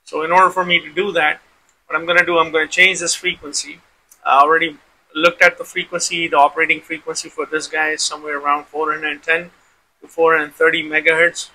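A tutorial host with a very bright, sharp, slightly high voice gives a fairly quick software demonstration, explaining informally step by step and circling back over his phrases. His pitch barely moves. The audio is poor, with faint background noise.

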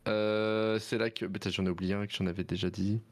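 A man's voice: lowish voice, little pitch movement, fairly quick, a little hiss or hum. A man, a regular on a streamed chat show, talking in an easygoing, teasing way. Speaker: regular panelist.

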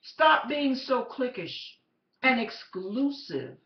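Woman vlogger, high lively voice, slow emphatic delivery, roomy dull-sounding recording. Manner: emphatic, preachy, rhetorical questions. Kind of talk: storytelling exhortation.

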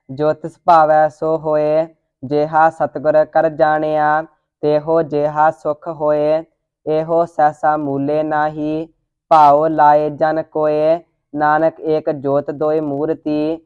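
Flat, slow monotone scripture reciter on a tinny line. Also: medium pitch, clear, resonant tone, no room sound. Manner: steady monotone reading, line by line.

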